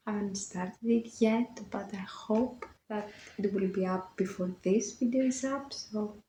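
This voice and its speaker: A Greek book vlogger in her twenties chats casually to camera about books in English, her second language, with a Greek accent, seeming a bit self-conscious and laughing often. Her medium-pitched voice is warm and steady, a little slow. The rough recording sounds roomy, with slight background noise.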